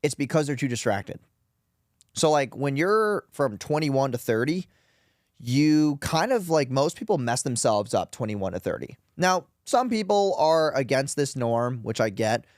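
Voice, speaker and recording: A man's voice: medium pitch, big pitch swings, a little slow, dry recording, studio quality. A man who is a guest on a podcast, talking bluntly and casually, swearing and calling his host dude and bro. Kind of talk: casual interview chat. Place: podcast studio in Las Vegas.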